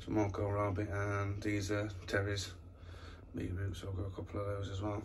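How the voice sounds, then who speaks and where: A man with a low, monotone voice talks casually through a phone walk-through of his plot, full of fillers. Wind and outdoor noise sit clearly behind him. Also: normal speed. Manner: chatty, plain-spoken, full of fillers. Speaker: allotment vlogger. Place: windy allotment outdoors, then a room at home.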